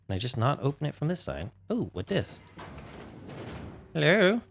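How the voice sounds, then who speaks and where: A man with a fairly high voice gives casual commentary while playing a game. His delivery is very animated and theatrical, playfully chatting to himself and his viewers. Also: normal speed, vocal fry, slight background noise. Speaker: gaming streamer.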